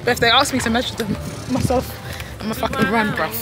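A woman's voice: fairly high pitch, fast. A young British woman chatting casually to the camera as a vlogger. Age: young adult. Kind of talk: casual vlog chat. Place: outdoor restaurant at night, later an indoor room. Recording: loud music and crowd chatter behind.

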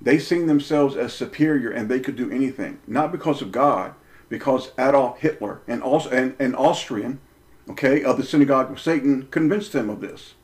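A man's voice: mid-range voice, moderate pace. A man delivering a preaching monologue, emphatic, with rhetorical questions and punchy, repeated lines. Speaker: religious commentator.

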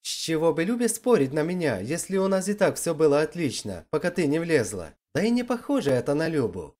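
A narrator voicing a young man in a spoken love story, firm and fed up, his tone turning cutting and mocking. The delivery stays lively, rising and falling across a wide range. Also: mid-range voice, brisk. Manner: firm, then bitterly mocking. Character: young man, weary but resolute groom. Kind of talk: audiobook character reading.

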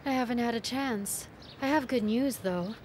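Woman dubbing young wife, gentle, pleading, faint noise. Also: fairly high pitch, normal speed, natural voice. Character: young wife, apologetic and anxious. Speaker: dub actor. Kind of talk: drama dub.

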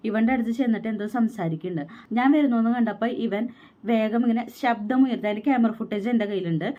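A woman's voice: fairly high pitch, highs cut off. A pregnant young woman, telling a personal story in a vlog and quoting what others said. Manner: fast, aggrieved storytelling with quoted dialogue. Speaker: vlogger.

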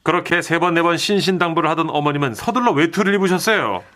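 A male radio DJ narrates a listener's letter in a polite, even storytelling manner. His voice sits a little high for a man. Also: fast. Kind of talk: reading a listener's letter aloud.

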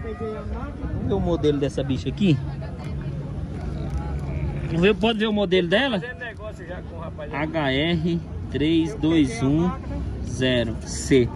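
A man's voice: on the high side, slow, pauses often. A man touring an outdoor street market with his phone, chatting and haggling with sellers in a slangy, joking way. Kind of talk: casual market walkaround chat. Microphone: handheld phone camera. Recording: crowded outdoor market noise. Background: market crowd chatter.

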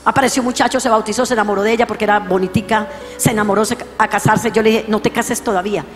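A middle-aged woman preaching a sermon, telling a story in a voice that swings from hushed to fervent shouting. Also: medium pitch, fairly even intonation, racing. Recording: long reverb, faint music behind.

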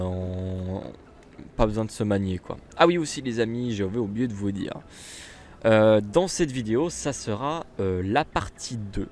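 A man's voice: mid-range voice, darkish tone, slight background noise. A man with a French accent casually commenting while he plays a bus simulator, chatty and rambling with lots of fillers and restarts. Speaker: gaming YouTuber.

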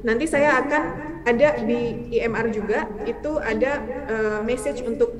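A woman's voice: on the high side, moderate pace. Hesitant woman on a video call. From Indonesia. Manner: hesitant, frequent fillers, mixes in English terms. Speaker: guest physician. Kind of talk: conversational interview answers. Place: indoor room.

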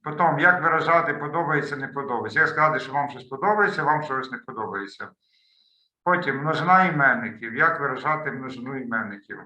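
Man, language tutor, online lesson, very bright tone, roomy echo, thinking aloud. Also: mid-range voice, fast talker. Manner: explanatory, thinks aloud while clicking through slides. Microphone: video call.

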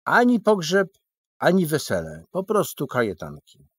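A man's voice: fairly high pitch, wildly swooping pitch, moderate pace, breathy edge, no echo, voice pushed up, heavily acted. A man voicing a fussy little man from a storybook kingdom who calls out shrilly and emphatically. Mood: fussy, emphatic.

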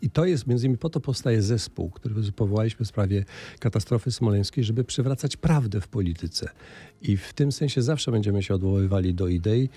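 An older man as a politician guest in a radio studio interview, speaking into a studio microphone in a measured, hesitant way with many filler sounds. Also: fairly low pitch, lively intonation, warm tone, breathy edge, dry recording. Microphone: studio microphone on boom arm.

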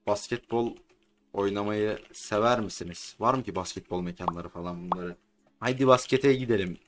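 A man in casual game roleplay chat, joking, excitable and often shouting. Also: lowish voice, moderate pace. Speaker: roleplay streamer.

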